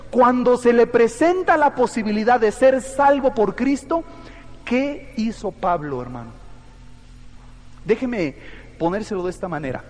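A man's voice: very high voice, darkish tone, in a large hall. A man preaching a sermon, questioning his congregation and telling an illustrative story.

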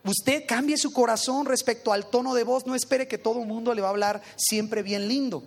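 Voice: mid-range voice, brisk. A pastor preaching to a congregation in a conversational way, asking them questions and rereading lines for emphasis. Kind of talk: sermon.

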